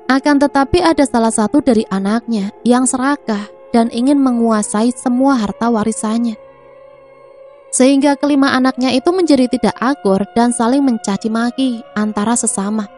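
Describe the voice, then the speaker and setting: A woman narrating a scripted family drama in a steady, even reading voice. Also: fairly high pitch, moderate pace. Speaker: storyteller. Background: faint music.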